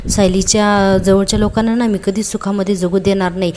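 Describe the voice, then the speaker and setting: A woman's voice: mid-range voice, level tone, a little fast, darkish tone, a little hiss or hum, close to an everyday voice. A woman voicing a spiteful young woman villain from a TV serial, gleeful and vindictive. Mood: gloating.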